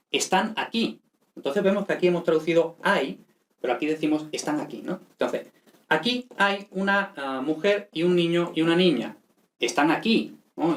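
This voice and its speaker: Patient man teaching Latin. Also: a little high. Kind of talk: explanatory lesson.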